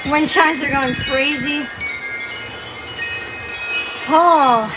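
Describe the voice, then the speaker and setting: High-pitched awestruck woman in desert wind. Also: extremely slow. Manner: awestruck, exclamatory, repeating short phrases. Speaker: storm vlogger filming. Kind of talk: excited live outdoor storm commentary. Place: outdoors in strong desert wind during dust storm. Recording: loud wind noise buffeting the microphone.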